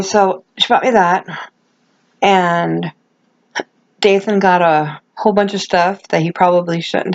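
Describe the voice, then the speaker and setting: Toothless middle-aged woman vlogger, gravelly voice. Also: lowish voice, muffled recording. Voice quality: toothless, gummy articulation without dentures. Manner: rambling, self-deprecating, candid. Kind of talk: casual chat to camera.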